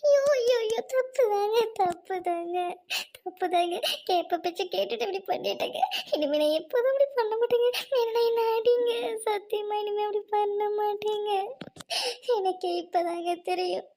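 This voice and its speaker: A woman's voice: very high voice, normal speed, mellow, a little hiss or hum. A woman playing a young village wife who cries and pleads for forgiveness. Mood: sobbing, pleading. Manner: sobbing, pleading apologies. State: crying.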